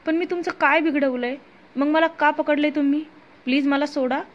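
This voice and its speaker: A woman's voice: high voice, steady tone, normal speed, lightly acted. A woman voicing a hurt, tearful young wife who pleads emotionally, on a muffled lo-fi recording. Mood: frightened pleading. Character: hurt young wife confronting her husband, then a terrified captive.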